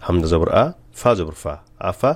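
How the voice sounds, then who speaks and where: A man teaching Quran reading, slowly spelling out Arabic letters and drilling the long vowels with patient repetition. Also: sits low, expressive, no room sound.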